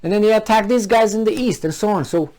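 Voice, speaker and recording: A commentary channel host, a man with a Romanian accent from Transylvania, speaks fast in a high-pitched, darkish voice. He delivers an argumentative political monologue packed with rhetorical questions.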